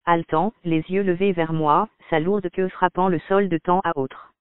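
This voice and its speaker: High, clear male audiobook narrator. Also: no room sound. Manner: calm, measured reading. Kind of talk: scripted first-person narration. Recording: dry, tinny phone-like audio.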